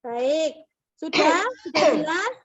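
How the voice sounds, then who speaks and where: A woman teaching an online class over a video call, her voice coming through glitchy, half-robotic and slowed down. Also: sits high, animated, muffled recording, a loud crowd. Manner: asks the class short checking questions. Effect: glitchy half-robotic slowed call audio.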